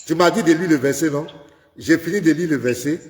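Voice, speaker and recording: A man's voice: fairly high pitch, fairly quick, a little mellow. A man, a pastor, arguing in a live call-in debate, insisting and repeating himself, reading Bible verses aloud. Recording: echoey room with long reverb.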